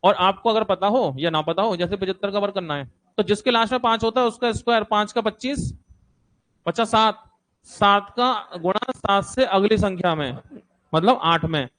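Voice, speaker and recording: A man with a high voice teaches a maths lesson to a class in front of him. He repeats each number and step aloud and keeps checking that the students are following. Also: normal speed, fairly bright tone.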